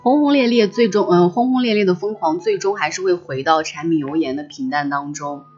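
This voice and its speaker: A woman's voice: lowish voice, a little fast, a little mellow, dull audio. A woman hosting a livestream, chatting casually and reflectively and often restating her phrases. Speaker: livestream host. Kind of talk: casual reflective chat with listeners.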